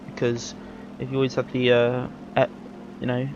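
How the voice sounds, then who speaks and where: A man's voice: mid-range voice, completely flat delivery, moderate pace. Rambling man commentating gameplay. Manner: rambling, self-correcting, easygoing. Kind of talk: casual live gameplay commentary. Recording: dull lo-fi mic with game noise. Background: game engine and vehicle noise.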